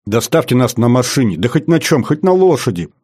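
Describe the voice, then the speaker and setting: A man's voice: fairly low pitch, moderate pace, darkish tone, lightly acted. A man reading an audiobook, voicing a bold, demanding young woman military doctor in a raised, capricious tone. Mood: pleading. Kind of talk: audiobook character voice.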